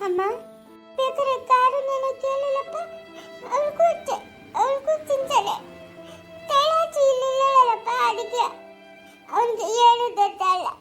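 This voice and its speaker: Woman doing a very high lisping simple daughter. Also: a little slow, long pauses, fairly bright tone, faint music behind. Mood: earnest. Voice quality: lisping, childlike speech. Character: simple-minded, lisping young married daughter. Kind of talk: family skit acting.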